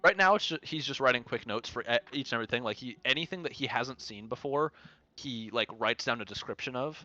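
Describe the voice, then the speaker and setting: Bright-voiced man describing his character. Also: medium pitch, brisk, dull audio. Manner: rambling, many "like" fillers. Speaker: player. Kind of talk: casual tabletop play.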